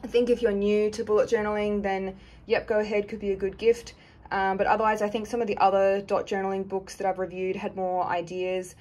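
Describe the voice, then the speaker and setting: A woman's voice: mid-range voice, level tone, fairly quick, a little mellow. A woman giving a casual review with frank, chatty opinions that she often hedges. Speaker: planner reviewer.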